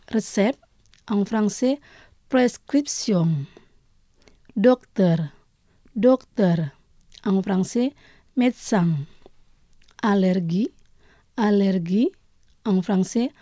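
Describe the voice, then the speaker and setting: A woman leads a radio language lesson in a slow, deliberate way, repeating each word twice so listeners can follow. Her voice is dark and mellow, and the studio sound is dry and close. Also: mid-range voice, no echo.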